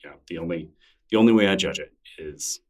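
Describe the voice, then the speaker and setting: Recorded from afar, this middle-aged podcast guest has a low voice and a brisk delivery. His casual interview talk is loose and self-mocking, full of restarts.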